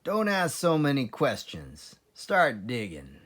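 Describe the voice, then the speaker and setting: A man's voice: mid-range voice, huge pitch swings, takes it slowly, a bit bright, breathy edge, exaggerated voice. A man voicing a sly, confident father fox in a storybook, fond and boastful, with an assured, coaxing, theatrical manner. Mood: confident, brisk.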